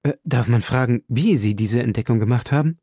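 A curious professor full of wonder, read by a man for an audiobook. His voice is dark and mellow, and the recording is dry and close with no room sound. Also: mid-range voice, fairly quick, dry recording, lightly acted. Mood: astonished. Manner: wondering and questioning. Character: astonished male scholar, a curious professor. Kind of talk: audiobook role reading.

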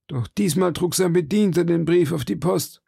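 A man putting on a fretful, servile innkeeper with a high, gravelly voice. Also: moderate pace, warm tone, no echo, studio quality, full character voice. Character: anxious, deferential male innkeeper, middle-aged. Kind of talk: audiobook reading.

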